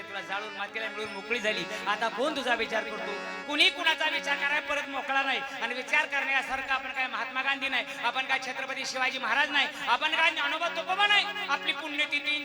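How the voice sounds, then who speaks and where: A man preaches a comic devotional sermon, declaiming and firing rhetorical questions at the crowd. His voice sits very high for a man. Loud folk instruments play throughout. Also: steady tone, quick pace. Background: loud folk music.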